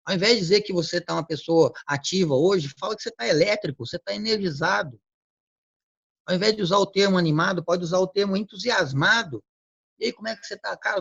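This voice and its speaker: A man giving a motivational talk on word choice, acting out quick everyday exchanges. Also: high voice, vocal fry, fairly bright tone, husky, dry recording. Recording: dull lo-fi recording.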